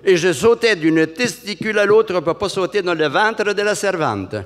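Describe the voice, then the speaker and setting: Un homme imitant un Marseillais vantard. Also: male voice, sits high, lively intonation, normal speed, pitched above the performer's own voice. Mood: boastful. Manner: boastful, tall-tale telling. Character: boastful joking man from Marseille. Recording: long hall reverb.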